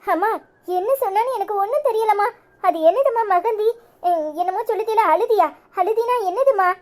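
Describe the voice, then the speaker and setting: A woman's voice: very high voice, expressive, fairly quick. A woman doing a flustered village mother. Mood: pleading. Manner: anxious, pleading, grumbling. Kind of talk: cartoon voice acting.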